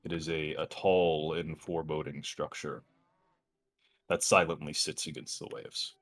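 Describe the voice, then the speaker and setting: A man narrating a tabletop game as game master in a measured, descriptive way. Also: very deep voice, flat delivery, a bit bright.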